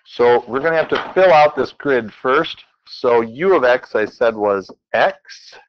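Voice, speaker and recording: A man's voice: medium pitch, animated, unhurried, highs cut off, a little hiss or hum. A man teaching a math class in a classroom, working examples aloud and playfully quizzing his students as he goes. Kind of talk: classroom lecture.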